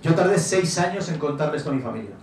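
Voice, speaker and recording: Middle-aged man, lively storyteller, slightly high voice, distant mic in an echoey hall. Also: quick pace. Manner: animated, jokey, acts out quotes. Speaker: author guest. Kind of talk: relaxed storytelling talk. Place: event hall before an audience. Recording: echoey venue, distant mic, faint noise.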